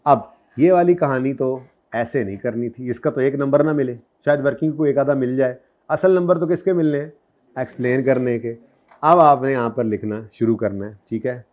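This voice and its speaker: A man giving an accounting lecture, mixing casual explanation with slow, word-by-word dictation in English. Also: medium pitch, darkish tone. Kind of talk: classroom lecture, dictating answers slowly.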